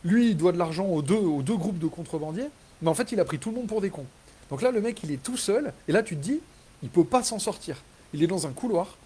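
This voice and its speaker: A man with a dark, mellow voice chats casually and eagerly with readers, circling back and restarting his sentences often. He gets lively when he retells a story. A faint hiss sits under the recording. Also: on the high side, low-quality recording. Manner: rambling, enthusiastic, many fillers and restarts; animated when retelling scenes. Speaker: author hosting a live reader Q&A. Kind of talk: casual live chat.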